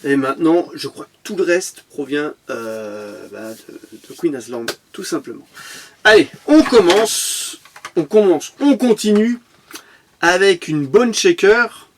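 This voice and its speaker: Male vlogger, fairly high voice, rambling unboxing chat. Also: expressive, a little slow, a little hiss or hum. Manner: chatty, with frequent fillers and restarts. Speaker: toy car collector vlogger. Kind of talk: casual unboxing vlog.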